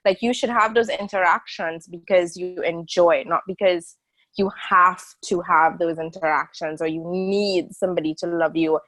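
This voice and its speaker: A woman's voice: lowish voice, steady tone, moderate pace, fairly bright tone, dry recording, low-quality recording. A woman in her early thirties, from a small island country, speaking as an interview guest on a video call in a candid, rambling way full of fillers and restarts. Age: 30s. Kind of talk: casual video-call conversation.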